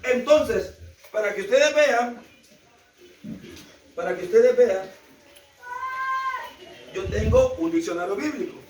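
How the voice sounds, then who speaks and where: Slow and pausing often, this man has a high voice with a darkish tone and a little hiss or hum behind it. Teaching a Bible lesson with a Salvadoran Spanish accent, he repeats key words emphatically and asks the class questions, while the echoey room and distant mic keep him far away.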